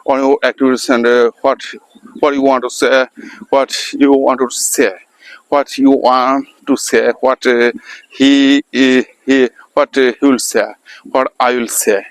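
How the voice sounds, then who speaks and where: Man, teacher, halting delivery, mid pitch, dry close sound. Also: level tone, smooth, no echo, poor audio. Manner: halting, many fillers and restarts. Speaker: English teacher. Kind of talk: informal spoken lesson.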